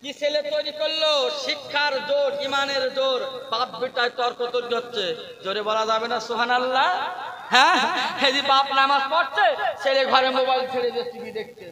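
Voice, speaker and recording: High-voiced man preaching. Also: steady tone, fairly quick, pushed and bright, poor audio. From Medinipur, West Bengal, India. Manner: bantering, rhetorical questions to the crowd. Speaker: Islamic preacher. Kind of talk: rousing waz sermon. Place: outdoor religious gathering with a crowd. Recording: crowd noise behind the preacher.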